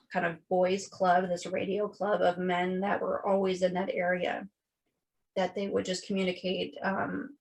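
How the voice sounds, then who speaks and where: Chatty woman telling a true-crime story. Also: medium pitch. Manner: chatty, swearing, quotes people in voices. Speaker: podcast co-host.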